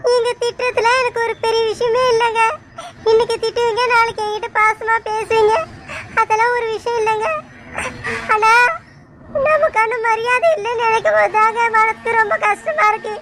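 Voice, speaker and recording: A woman's voice: very high voice, steady tone, normal speed, fairly bright tone, slight background noise. A woman voicing a young village wife who pleads with her husband in a tearful, complaining voice. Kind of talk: cartoon voice acting.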